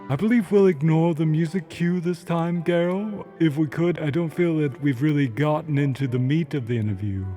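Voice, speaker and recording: A man hosting a deadpan comedy podcast interview in a pompous, stiffly formal manner. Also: on the high side, normal speed, few pauses, faint music behind.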